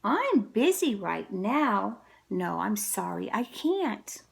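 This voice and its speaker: A woman's voice: medium pitch, sing-song, takes it slowly, vocal fry, heavily acted. A woman voicing a timid, anxious male koala from a storybook, hesitant and apologetic.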